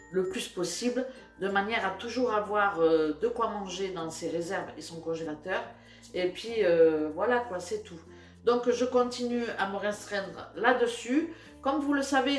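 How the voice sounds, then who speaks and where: An older woman, chatting casually about her budget, with many fillers and pauses. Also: mid-range voice. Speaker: vlogger. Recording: roomy, from a distance, faint music.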